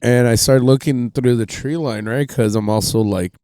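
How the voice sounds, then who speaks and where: A man's voice: mid-range voice, moderate pace, mellow, no echo, studio quality. A man telling a rambling, profane story on a casual podcast, full of fillers. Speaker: podcast host.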